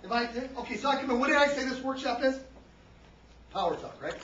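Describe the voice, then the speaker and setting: A high-pitched man runs a lively seminar, firing questions at the room and punching certain words louder for emphasis. He is recorded from across an echoing hall. The sound is muffled and a little dull. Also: a little fast, far from the mic, slight background noise. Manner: quizzes the audience, tags lines with "right?"; energetic, varies loudness for emphasis. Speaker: seminar presenter. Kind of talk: interactive workshop lecture.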